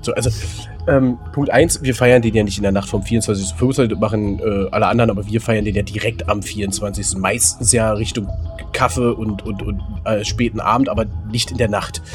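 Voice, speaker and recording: A man's voice: on the low side, steady tone, fast talker, music in the background. A man co-hosting a casual podcast, thinking aloud as a quiz contestant, rambling with lots of fillers and laughter.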